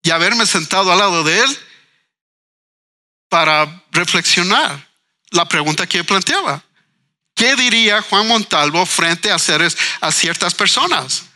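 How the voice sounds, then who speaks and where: A man's voice: high voice, bright, forceful tone. A man, a writer and educator speaking earnestly in a panel discussion, asking questions and repeating words as he thinks. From Ecuador. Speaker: writer and cultural manager guest.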